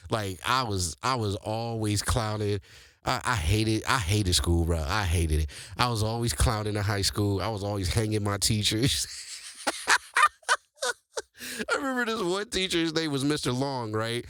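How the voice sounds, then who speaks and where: A man's voice: on the low side, normal speed, a bit bright, clean tone, dry recording, clean studio sound. A man in his forties, host of the show, telling stories from his life casually to listeners, with loose slangy speech and frequent laughter. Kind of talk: casual storytelling to an audience.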